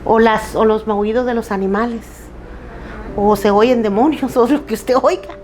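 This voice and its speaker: A woman preaching to a women's church group, loud, emphatic and plain-spoken, with candid, self-deprecating humor. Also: a little high, normal speed. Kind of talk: sermon.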